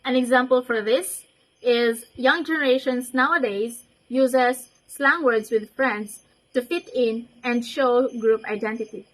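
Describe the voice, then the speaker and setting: Young woman student, high bright-pitched voice, explains her report point by point. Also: measured pace, low-quality recording. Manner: explanatory, with frequent "so" to link points. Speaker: student presenter. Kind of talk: reading a class report.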